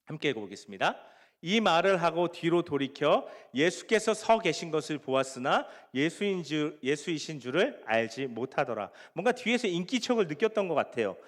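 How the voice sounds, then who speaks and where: A man's voice: on the high side, big pitch swings, normal speed. A male pastor preaching a sermon to a young congregation, asking them questions and acting out the scripture scenes. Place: church sanctuary. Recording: long hall reverb.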